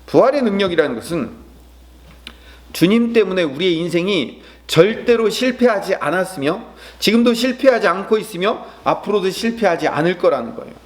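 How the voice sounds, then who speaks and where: A man preaching as a pastor, with a notably high voice. He acts out the prayers and quotes in his sermon, then asks the congregation questions and answers them himself. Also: expressive, brisk. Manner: dramatic preaching, acting out prayers and quotes with rising pitch.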